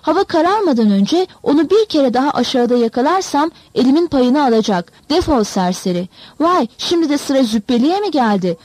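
A woman's voice: high-pitched, animated, brisk, few pauses, darkish tone, dry recording, low-quality recording. A woman voicing an angry young man, the harsh older brother, in a storybook reading, scolding and threatening.

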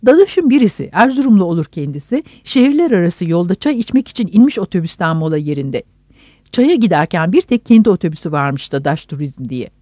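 A reader giving a measured, earnest reading of reflective prose, speaking straight to the listeners. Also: medium pitch, mellow, dry recording, lo-fi sound. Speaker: reader of a reflective essay book.

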